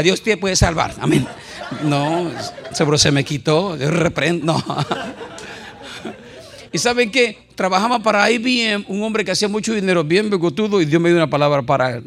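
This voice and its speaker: A middle-aged man preaching an animated sermon full of jokes and anecdotes. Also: fairly high pitch, gravelly. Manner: animated, jokey, shouts and laughs at times.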